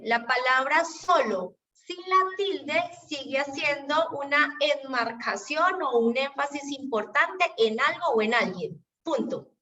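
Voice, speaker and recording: A woman's voice: high-pitched, sharp tone. A woman teacher with a Colombian accent explaining spelling rules in an online class, patiently checking that students follow. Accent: Colombian Spanish. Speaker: teacher leading an exam-prep class. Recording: distant, dull video-call audio.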